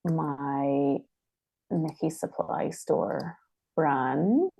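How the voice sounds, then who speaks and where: A Scottish woman speaking slowly in a low, gravelly voice as she talks through her design work. She chats casually and thinks aloud. The sound is dry and close. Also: mellow, no room sound. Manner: chatty, thinking aloud while working. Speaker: designer guest. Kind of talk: casual live-stream demo.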